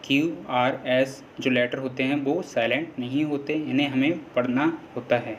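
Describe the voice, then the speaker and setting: A man teaching a lesson, slowly and patiently explaining rules and repeating them. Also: mid-range voice, fairly even intonation, slight background noise. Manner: slow, repetitive, patient explaining. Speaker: English teacher.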